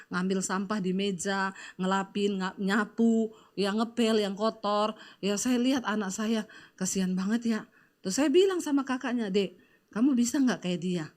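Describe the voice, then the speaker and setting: A woman's voice: medium pitch, moderate pace. A middle-aged woman pastor, preaching in a chatty, storytelling way with lots of fillers. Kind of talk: conversational sermon with personal stories.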